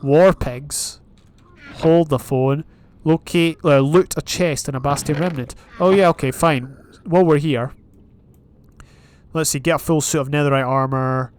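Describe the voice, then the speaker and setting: Fairly high-pitched, unhurried, clear, and resonant, this young man from Scotland is a gaming YouTuber. His Minecraft let's play commentary is casual and chatty as he thinks aloud and reads advancements mid-play.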